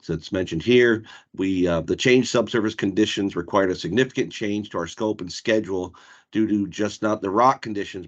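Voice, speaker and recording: A man giving an informal project report to colleagues on a video call. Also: fairly low pitch. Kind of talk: informal work presentation. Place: online meeting. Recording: dull, lo-fi video call audio.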